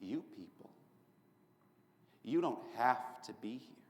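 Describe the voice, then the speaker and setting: A man's voice: animated, slow, slight background noise. Guy doing a smirking death row killer, voice jumps all over, big echoey hall. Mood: mocking. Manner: sardonic, swinging between loud outbursts and low hushed lines. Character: charming young male serial killer on death row, mocking. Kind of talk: competitive prose interpretation. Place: performance room at a speech competition.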